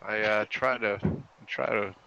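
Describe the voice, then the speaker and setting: A man at a tabletop game talks slowly and hesitantly, with a bright, forceful tone. He stops often on "uh" while planning his moves. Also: lowish voice, fairly even intonation, vocal fry, lo-fi sound, slight background noise. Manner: halting, hesitant, with many "uh"s. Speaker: player. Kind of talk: casual tabletop play.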